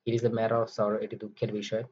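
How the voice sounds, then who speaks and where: Guy teaching english phrases, flat slow delivery, dull lo-fi sound with faint hiss. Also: fairly low pitch. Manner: reads an English phrase slowly, then its translation quickly. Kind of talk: phrase-by-phrase language lesson.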